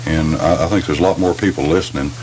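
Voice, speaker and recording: Male caller, extremely low voice, fast, rambling and sincere. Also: steady tone, a little mellow, slight background noise, low-quality recording. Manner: rambling, heartfelt, repeats himself. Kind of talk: casual call-in talk.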